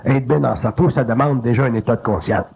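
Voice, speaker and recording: Homme québécois enseignant, voix voilée sur cassette. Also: male voice, quick pace, vocal fry, slightly rough. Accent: Quebec French. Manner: colloquial, animated, jumps up in pitch to mimic an inner voice. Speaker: spiritual teacher. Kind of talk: informal spoken teaching. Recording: lo-fi digitized cassette tape.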